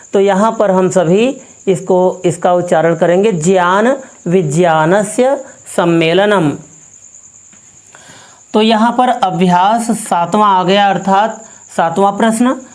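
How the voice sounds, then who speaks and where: Slow lady teacher, says every answer twice, steady middle pitch. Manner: repeats each answer twice, asks "what will it become?". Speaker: Sanskrit teacher. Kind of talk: slow classroom explanation.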